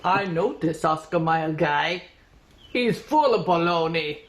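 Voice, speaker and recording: A playful young man hams it up in a mock German accent, turning ordinary steps into stiff, formal commands, as a woman puts him on. His teasing delivery sounds deliberately silly. The voice sits low and unhurried. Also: animated.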